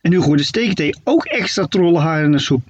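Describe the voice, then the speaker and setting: A man narrating a children's story with playful, expressive delivery. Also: on the high side, quick pace, breathy edge, muffled recording.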